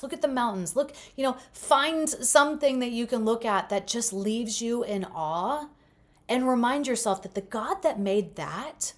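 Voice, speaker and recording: A woman hosting a podcast, giving an earnest, encouraging faith-based monologue full of repetitions and casual fillers. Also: on the high side. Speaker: podcast host.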